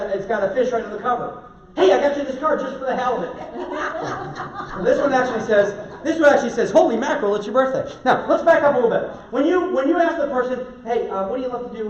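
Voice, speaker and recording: Energetic male seminar speaker, high voice, heard from afar in an echoey hall. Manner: energetic, chatty, asks audience questions. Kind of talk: live seminar talk. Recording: distant mic, echoey hall, dull lo-fi sound.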